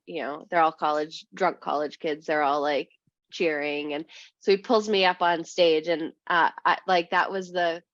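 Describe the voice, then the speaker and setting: A young woman from New Hampshire, a podcast guest telling a long anecdote casually, full of "like" and "um", and lively when she quotes people. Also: on the low side, dry recording. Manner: rambling, heavy use of "like" and "um"; animated when quoting others. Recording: dry, slightly muffled podcast mic.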